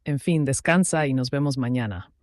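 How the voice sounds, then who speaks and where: A man's voice: medium pitch, moderate pace, no room sound, clean studio sound, lightly acted. A man voicing a tired, disapproving mother. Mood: weary, disapproving. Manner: gently reproachful. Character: older mother, tired but relieved, disapproving.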